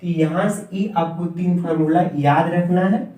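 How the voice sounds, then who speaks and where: A man's voice: sits high, steady tone, moderate pace, warm tone. A man teaching a classroom maths lesson, repeating and spelling out terms letter by letter for his students. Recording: echoey room, voice far from mic.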